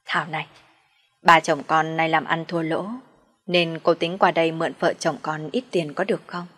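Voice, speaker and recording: A woman's voice: low-pitched, fairly even intonation, moderate pace, fairly bright tone. A woman voicing a wheedling older in-law.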